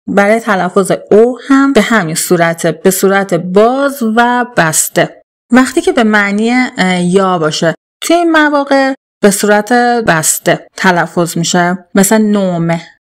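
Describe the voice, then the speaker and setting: A woman teaching an alphabet lesson, reading letters and example words clearly, then explaining pronunciation rules briskly. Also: medium pitch. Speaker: language teacher.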